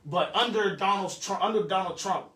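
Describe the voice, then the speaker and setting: High-voiced man teaching a Bible class. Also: moderate pace, a bit bright. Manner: joking asides, directs the reader, repeats verses. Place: echoey classroom. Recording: echoey room, distant mic.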